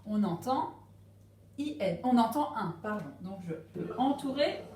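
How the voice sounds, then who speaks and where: Slow, patient woman teacher in an echoey room. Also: fairly high pitch, lively intonation, dark tone, far from the mic, a little hiss or hum. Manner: slow, patient, stresses each syllable. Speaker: primary school teacher. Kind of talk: remote phonics lesson for young children. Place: classroom with a board.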